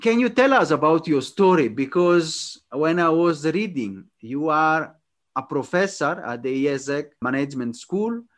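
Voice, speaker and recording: Podcast host with a halting, eager manner. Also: male voice, fairly high pitch, animated, a bit bright. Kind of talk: interview.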